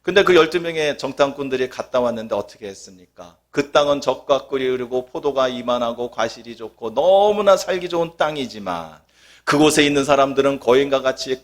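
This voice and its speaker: A man preaching a sermon as pastor, dramatic, swinging from loud emphasis to hushed near-whispers and putting questions to the congregation. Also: mid-range voice.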